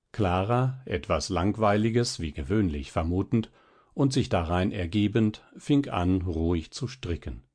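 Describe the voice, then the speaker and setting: Low-pitched male narrator for a dramatic classic audiobook. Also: a little mellow, breathy edge. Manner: measured, dramatic storytelling. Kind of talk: audiobook reading of classic fiction.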